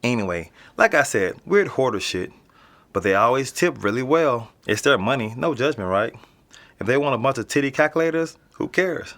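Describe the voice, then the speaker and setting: This naturalistic audio drama features a young American man as a nonchalant, streetwise teenage boy from an apartment building, speaking casually and with slang in an interview. His medium-pitched voice is a bit bright, with lively intonation at normal speed.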